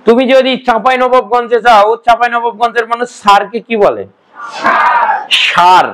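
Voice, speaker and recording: High-voiced man quizzing a class. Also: steady tone, a little fast, a bit bright, poor audio. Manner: quizzing students with repeated questions. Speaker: Bengali grammar teacher. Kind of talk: classroom lecture.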